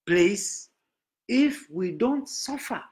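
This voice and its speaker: A man doing a booming Nigerian prophet. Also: animated, extremely slow, a little mellow, exaggerated voice. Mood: preaching. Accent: Nigerian English. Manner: broken English, declaiming sermon. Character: pompous preaching male prophet, booming and solemn. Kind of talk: comic sermon.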